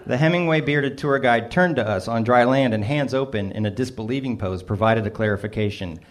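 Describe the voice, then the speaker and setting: A man's voice: medium pitch, fairly quick, a faint crowd. A middle-aged man reading his own humorous personal essay aloud, with a dry, self-mocking delivery. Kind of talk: first-person storytelling, wry and humorous.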